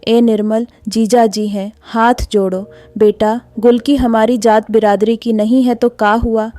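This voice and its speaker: A woman's voice: fairly high pitch, level tone, measured pace, mellow, close to an everyday voice. A woman voicing a scheming middle-aged village mother who coaxes in rustic dialect. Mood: coaxing.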